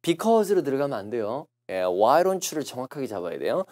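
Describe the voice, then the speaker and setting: Lively male English test lecturer. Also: medium pitch. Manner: explains patiently, repeats English phrases slowly to show pronunciation. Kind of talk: recorded classroom lecture.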